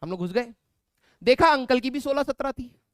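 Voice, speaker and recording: Chatty young male teacher, smooth voice. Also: very high voice, lively intonation, moderate pace, a bit bright, dry recording, clean studio sound. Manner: chatty, keeps tagging lines with "theek hai"; laughs at his own story. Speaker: physics teacher. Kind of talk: casual anecdote told to a class.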